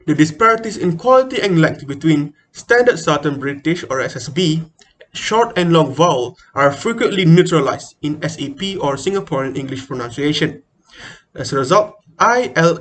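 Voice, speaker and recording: A man's voice: fairly high pitch, a bit bright. A man giving a formal, scripted presentation as a student presenter.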